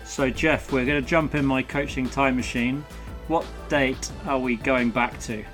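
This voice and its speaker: A man hosting a coaching podcast, introducing and asking questions in a calm, measured way. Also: mid-range voice. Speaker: host, coach. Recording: music bed under the voice.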